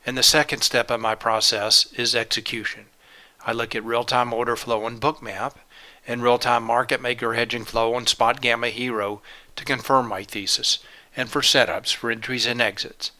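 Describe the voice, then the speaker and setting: This man, medium-pitched with little pitch movement, speaks at a moderate pace in a bright, forceful tone. He's presenting a live trading webinar, listing steps and items plainly and methodically. A cold leaves him a little congested, with a sore throat.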